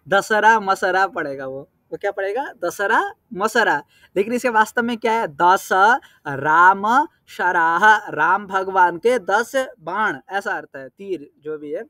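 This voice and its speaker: A man with a notably high voice teaches a class in a patient, explanatory way. He draws out verse terms slowly and deliberately, then stops to ask whether his students have followed. The recording is close and dry, with almost no room sound. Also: fairly bright tone, no room sound. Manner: patient, checks understanding with questions. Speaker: Sanskrit teacher. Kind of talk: explanatory lesson.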